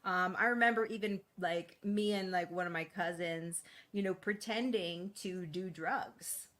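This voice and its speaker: A candid woman who grew up in East Boston speaks a little low for a woman, chatting loosely with many fillers and easy laughs. She tells her story plainly in a relaxed interview over a call. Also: a little slow. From East Boston, Massachusetts. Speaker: guest. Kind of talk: casual interview.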